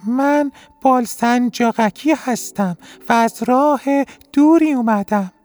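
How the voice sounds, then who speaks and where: Tiny squeaky winged snail. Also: male voice, a little mellow, faint music behind. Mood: earnest. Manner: high, thin, strained little voice. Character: small shy winged snail who dislikes its wings.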